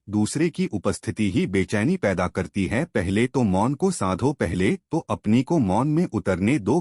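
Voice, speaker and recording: A man narrating a spiritual story in a measured, reflective scripted way. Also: lowish voice, darkish tone, husky, dry recording, studio quality.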